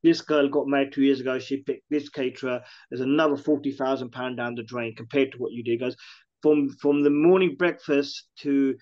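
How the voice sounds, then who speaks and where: In an interview, a catering business owner talks casually and briskly in a mid-range, steady voice over dull audio. He's chatty, starts his sentences over frequently, and repeats quotes from his customers.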